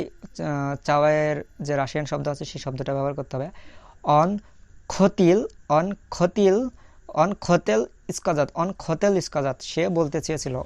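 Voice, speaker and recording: A man's voice: on the high side, creaky, a little mellow, no echo. Patient male language teacher, dry sound. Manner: repeats each phrase slowly and spells out sounds. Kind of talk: screen-based language lesson.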